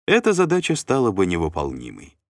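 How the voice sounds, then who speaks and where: A man with a very deep voice reads an adventure audiobook, his tone rising and falling expressively. The sound is close and dry, as in a studio booth. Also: fairly quick, dry recording. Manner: expressive reading. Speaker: audiobook narrator. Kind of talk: scripted narration.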